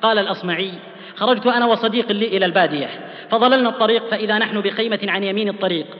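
A man delivers a sermon in a rapid, fervent voice that sits high for a man. He sinks low and soft on the solemn phrases. The sound is dull and carries a long hall reverb. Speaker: preacher. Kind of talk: sermon with storytelling.

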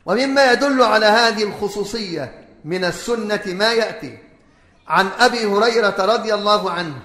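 A man with a high, bright and forceful voice gives a religious lesson to a gathered audience. He spells out terms slowly and repeats words as he explains them. The sound rings around a large hall with a long echo trailing after each phrase. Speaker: religious teacher. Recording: echoey hall with long reverb.

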